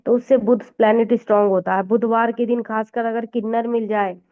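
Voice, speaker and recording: A woman's voice: on the high side, flat delivery, brisk. A woman astrologer giving a conversational astrology lesson, explaining with frequent fillers and mixed-in English words. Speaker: Vedic astrologer teacher. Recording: tinny phone-like audio.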